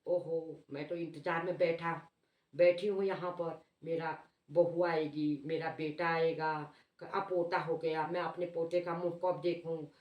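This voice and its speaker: A heartbroken elderly mother pleads in a slow, sorrowful voice, as a woman storyteller puts her on. Her low voice sits in a roomy space, picked up from a distance. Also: level tone, highs cut off. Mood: pleading. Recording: roomy echo, distant mic.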